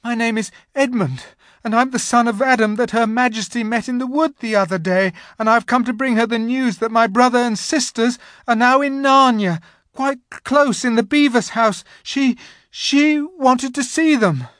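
A man's voice: very high voice, animated, unhurried, a bit bright, no room sound, clean studio sound, voice pushed up, full character voice. A man voicing a frightened young boy who pleads and trembles as he speaks, in a storybook reading. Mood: fearful.

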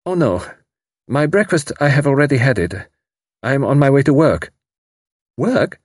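A man voicing a stiff, formal young refugee man, grave and measured. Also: medium pitch, big pitch swings, darkish tone, dry recording, clean studio sound, voice pushed up.

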